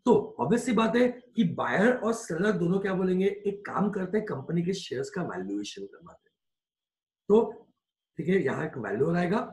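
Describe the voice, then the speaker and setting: A male teacher giving a lecture in Hindi mixed with English, slowing down to dictate points and often asking whether it is clear. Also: high voice, very animated, a little mellow, reverberant. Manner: slows down to dictate points word by word. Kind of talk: classroom lecture.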